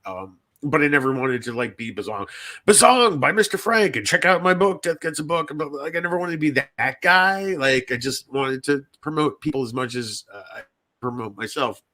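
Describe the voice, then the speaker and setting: A man's voice: medium pitch, lively intonation, normal speed, bright, forceful tone. A man hosting a podcast in casual chat, talking in a rambling, repetitive, sweary and self-deprecating way. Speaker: podcast host and indie fiction writer.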